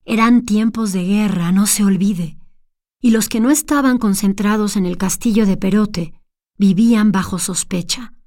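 A woman reading a story aloud as narration in a measured way, going hushed at tense moments. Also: mid-range voice, no echo, studio quality. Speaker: reader. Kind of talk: scripted narration.

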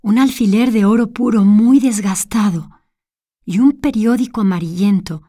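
A woman reading a story aloud as narration in a measured way, going hushed at tense moments. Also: mid-range voice, no echo, studio quality. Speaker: reader. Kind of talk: scripted narration.

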